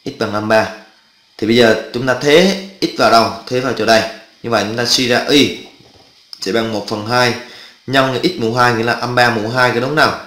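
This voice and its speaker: A man's voice: mid-range voice, fairly even intonation, brisk, a bit bright. A man teaching a math lesson in a casual, chatty way, often stopping to ask students whether they follow. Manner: chatty, asks students checking questions often. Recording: echoey room.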